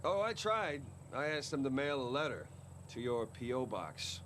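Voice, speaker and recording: An actor playing a joking, easygoing middle-aged ex-con treasure hunter in video game dialogue. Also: male voice, medium pitch, very animated, moderate pace, fairly bright tone, slight background noise. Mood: wry.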